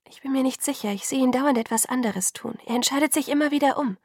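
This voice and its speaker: A woman's voice: sits high, fast talker, a little mellow, no room sound, studio quality, pitched above the performer's own voice. A woman voicing an anxious young woman who speaks urgently and often drops to a whisper. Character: anxious young woman pleading in hushed tones.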